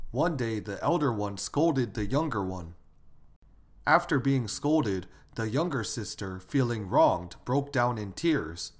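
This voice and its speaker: A man giving a didactic lecture on etiquette in a measured, instructive way, often asking his listeners questions. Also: medium pitch. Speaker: lecturer on moral teaching.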